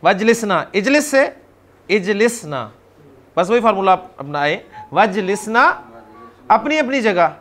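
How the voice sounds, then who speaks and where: A man teaching an Arabic grammar class, explaining patiently, calling on students by name and repeating words slowly. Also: sits high, expressive, a bit bright, faint music behind.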